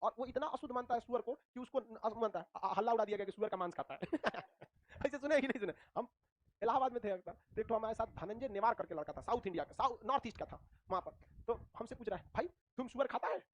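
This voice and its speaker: Fast-talking male teacher. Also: sits high. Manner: rapid, rhetorical questions answered himself, colloquial Bihari flavour. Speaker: history teacher. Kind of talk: revision lecture.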